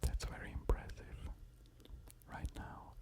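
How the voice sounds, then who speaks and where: This is whispered ASMR from a man speaking in a gentle unvoiced whisper near a close-up ear-to-ear stereo microphone. His delivery is slow and tentative, full of musing asides.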